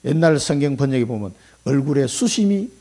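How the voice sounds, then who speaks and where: A middle-aged male pastor preaching a sermon in an emphatic, folksy way, swinging between loud and soft. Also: mid-range voice, animated, brisk.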